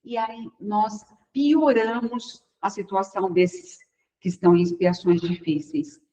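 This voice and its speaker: A woman's voice: mid-range voice, fairly even intonation, unhurried, mellow. A woman with a Brazilian Portuguese accent giving an informal spiritual lecture at a spiritist center, chatting with the audience and acting out everyday dialogue. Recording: slightly dull lo-fi recording.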